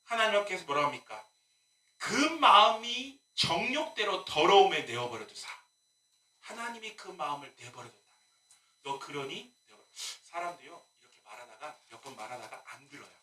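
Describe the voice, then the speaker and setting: Animated high-voiced male preacher, echoey church. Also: moderate pace, a little hiss or hum. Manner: lively preaching with rhetorical questions and humorous asides. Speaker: pastor. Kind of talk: sermon. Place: church sanctuary. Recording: echoey room, mic at a distance.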